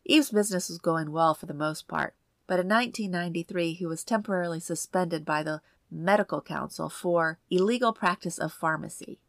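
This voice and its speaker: Woman narrating suspenseful true crime, slightly creaky. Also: fairly low pitch, no room sound, studio quality. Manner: measured, suspenseful storytelling.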